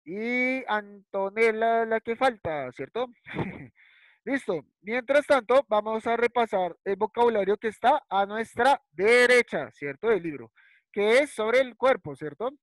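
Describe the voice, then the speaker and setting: A man's voice: high-pitched, lively intonation, a little slow, fairly bright tone, no echo, poor audio. A man teaching a first-grade English class over a video call, switching between Spanish and English, repeating words patiently and checking in with short tag questions. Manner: patient, repeats words, ends lines with ¿cierto? and ¿listo?. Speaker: primary school English teacher.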